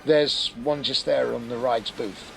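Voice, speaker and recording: Dry stiff businessman, gravelly and slow. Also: medium pitch, steady tone, faint music behind, rough recording.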